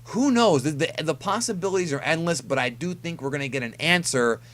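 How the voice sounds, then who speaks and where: A man hosts a YouTube review of an anime episode preview, his voice on the high side, fairly bright and fairly quick. He chats casually as a fan, stressing the main words.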